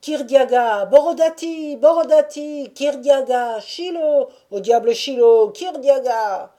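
A woman reading an audiobook and voicing a crowd of rowdy, drunken male Cossacks with shouted, high-pitched cries. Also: measured pace, close to an everyday voice. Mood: shouting. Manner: shouting, rough, cries of names.

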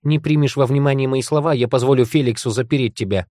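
A man voicing a young female heroine of an audiobook, a sharp-tongued guardian giving insistent orders. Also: mid-range voice, fast, dry recording, clean studio sound, close to an everyday voice. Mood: scolding. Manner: raised, insistent, commanding.

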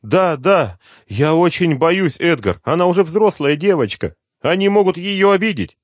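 A man voicing a frightened elderly mother who shouts in alarm on the phone in an audiobook. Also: fairly high pitch, lively intonation, normal speed, no echo, clean studio sound, voice pushed up. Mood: frantic, scared.

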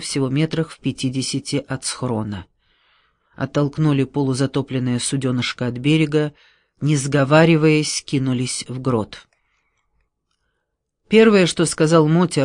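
A man narrating an audiobook in a steady, measured storytelling manner on a close studio mic. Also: a little high, dry recording.

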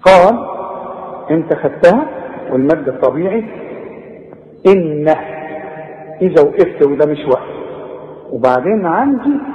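Egyptian guy teaching quran recitation, fixes mistakes, chants verses slow, high voice, echoey. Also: sing-song, lo-fi sound. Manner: corrects student mistakes, drawn-out chanted recitation. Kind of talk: tajweed lesson with recitation. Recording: echoey room with long reverb.

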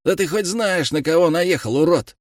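A man's voice: on the high side, moderate pace, dry recording, clean studio sound, voice pushed up, natural voice. A man voicing an arrogant, hot-tempered teenage boy bully who snarls and hisses threats. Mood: furious.

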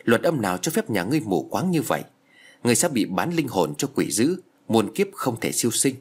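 A man voicing a stern elderly male exorcist who commands and scolds a ghost in a husky voice. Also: lowish voice, sing-song, brisk. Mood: scolding.

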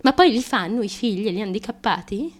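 An actress sounds anguished as a troubled young woman in an intimate radio theatre monologue, crude and confessional, halting and nervous, lurching between emotions. Her medium-pitched voice is expressive and close to everyday speech.

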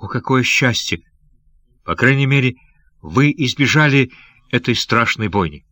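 A man's voice: mid-range voice, animated, a little slow, sharp tone, no room sound. A man reading an audiobook, voicing a wounded, loyal grown pirate who speaks with emotion. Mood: overjoyed. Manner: emotional, broken-voiced.

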